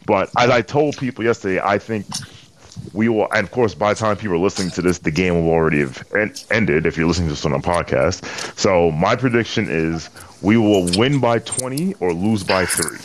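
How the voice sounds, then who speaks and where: A man hosting a casual sports podcast, thinking aloud in a halting way. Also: low-pitched, a little hiss or hum. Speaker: podcast host.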